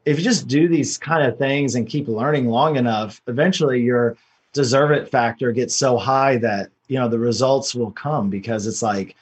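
A man's voice: mid-range voice, normal speed, slightly rough. A man speaking as an interview guest, telling his own story in a casual, unpolished, loosely rambling way. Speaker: podcast guest, real estate investor.

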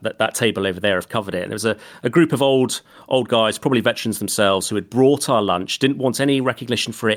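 A man's voice: lowish voice, a bit bright. A British man, a former military pilot, telling stories as a podcast guest in an earnest, anecdotal way. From Britain. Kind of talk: casual interview chat.

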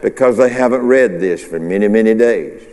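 A pastor with a lowish, darkish voice speaks at a normal pace in a church sanctuary, where a long hall reverb trails his words. His midweek sermon is informal and chatty, rambling with restarts, questions to the congregation, and call-and-response.

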